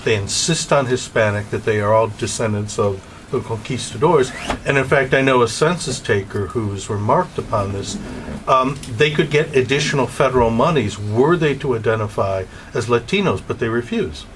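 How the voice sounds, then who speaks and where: A man in the audience making a measured comment. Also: mid-range voice, lively intonation, recorded from a distance, a little hiss or hum, rough recording. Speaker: audience member.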